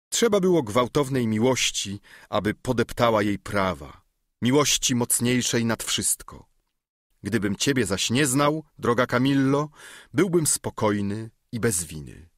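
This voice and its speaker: A man's voice: mid-range voice, a bit bright, dry recording, studio quality. A man playing a young nobleman and wounded lover, speaking with earnest, reproachful pleading.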